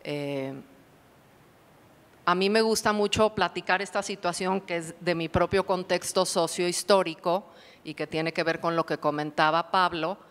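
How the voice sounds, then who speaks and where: A Mexican woman psychotherapist delivers an academic conference lecture, explaining things thoughtfully and putting rhetorical questions to the audience. Her voice is fairly low with a measured pace, and a long hall reverb surrounds it.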